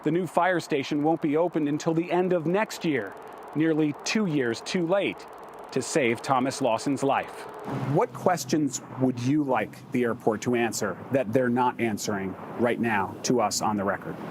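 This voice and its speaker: A man's voice: mid-range voice, moderate pace. An American man reporting and interviewing on location for an investigative news exposé. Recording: location sound with clear outdoor traffic noise.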